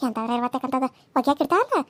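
A woman's voice: sits high, sing-song, racing, fairly bright tone, no echo. A woman voicing a scheming older village mother in a cartoon serial, muttering sly asides in a North Karnataka accent. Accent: North Karnataka Kannada.

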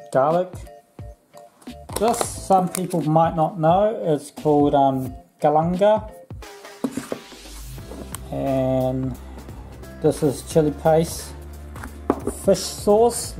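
A man in his thirties from Laos, casually explaining a recipe in his home kitchen, chatty and relaxed, filming himself at arm's length. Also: a little high, takes it slowly, pauses often, faint music behind, poor audio. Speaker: vlog host. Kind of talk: casual cooking vlog.

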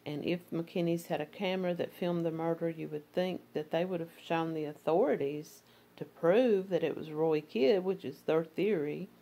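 A woman with a low voice and an Appalachian accent narrates a true crime case. She moves between reading court documents and loose, conversational commentary, with fillers and restarts. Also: moderate pace, mellow.

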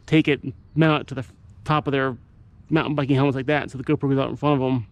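A man's voice: medium pitch, fairly even intonation, fast, dull audio. A man giving a casual how-to narration as a vlogger showing his gear. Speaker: motovlogger presenting his gear setup.

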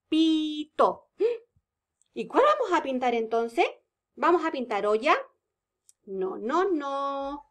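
Kindergarten teacher, young woman, high voice, slow sing-song delivery for small children. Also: fairly bright tone.

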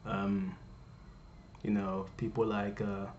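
A young man from Cameroon vlogs an earnest personal rant from his living room, addressing viewers directly and repeating points to drive them home with impassioned insistence. His voice is fairly low, monotone, slow and darkish. The webcam at his desk captures roomy, dull, echoey lo-fi audio with a little hiss or hum.

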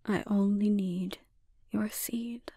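Slow, whispery Scarlet Witch, acted by a woman. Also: medium pitch, steady tone, warm tone, dry recording, studio quality. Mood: cold, controlled. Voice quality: breathy, often whispering. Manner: slow, deliberate, condescending. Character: dominant, menacing witch, coldly seductive and condescending. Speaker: ASMR roleplay voice actor. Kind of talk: ASMR dramatic roleplay, half-whispered.

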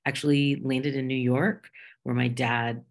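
A middle-aged woman from Kentucky, a co-curator, speaking in a measured, reflective way on a video call. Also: rumbling low, level tone. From Kentucky, United States. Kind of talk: casual panel talk. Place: home room with bookshelves.

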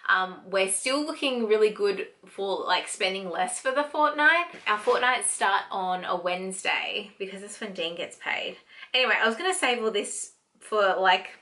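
Gushing over her haul, a thirty-something Australian family vlogger rambles to the camera from a bright indoor room at home, explaining why each purchase was justified. She sounds animated, with a medium-pitched, sharp voice at a moderate pace.

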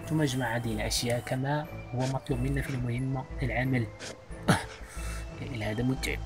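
A man hosting a gaming channel, giving playful, excitable let's play commentary and joking with his viewers. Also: medium pitch, fast talker, over music.

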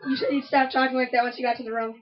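A woman's voice: high voice, little pitch movement, very fast, highs cut off, faint music behind. A woman chatting casually as she plays along in a video game. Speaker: gaming co-player. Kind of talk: casual chat while gaming.

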